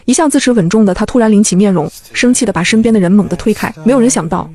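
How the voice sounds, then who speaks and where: With a mid-range voice and a racing pace, a woman performs a scripted audiobook of a comedic web novel. She sounds lively and playful and slips in and out of character voices.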